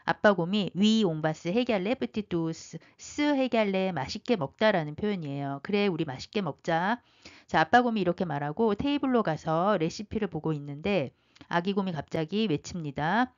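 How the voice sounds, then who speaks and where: A woman teaching French in a patient, explanatory way, slowly reading out the French phrases. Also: mid-range voice, darkish tone, dull audio. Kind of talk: explaining a lesson.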